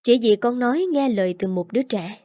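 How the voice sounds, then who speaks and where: A woman's voice: a little high, brisk, dark tone, no room sound, studio quality, close to an everyday voice. A woman reading the part of a stern older father-in-law scolding his daughter-in-law.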